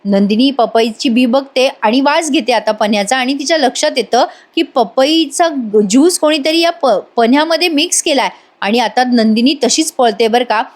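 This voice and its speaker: A woman's voice: high voice, normal speed, hardly any pauses. A woman recapping a TV serial episode in a voice-over, chatting directly to her viewers.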